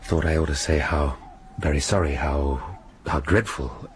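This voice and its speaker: An actor playing a prickly, opera-loving middle-aged police inspector in a radio drama, hesitant and apologetic when pressed. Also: male voice, rumbling low, unhurried, slight background noise.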